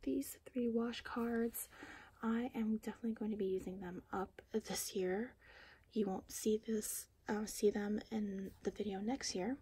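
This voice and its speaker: A woman talking in a hushed whisper through a casual late-night vlog at home, keeping quiet so she won't wake anyone. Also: medium pitch, fairly even intonation, a little slow, slightly rough. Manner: talks in a soft hushed whisper to keep quiet. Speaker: vlogger showing her collection. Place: home at night, boyfriend asleep.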